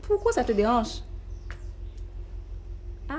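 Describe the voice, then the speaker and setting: A brash, demanding younger sister-in-law. She talks quickly and defiantly with lively pitch, over faint background noise. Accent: Cameroonian French.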